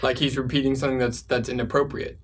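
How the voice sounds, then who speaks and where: A man's voice: medium pitch, flat delivery, quick pace, a little hiss or hum. A man co-hosting a live webinar Q&A, reading viewer questions and talking casually, with lots of "like" and vivid examples.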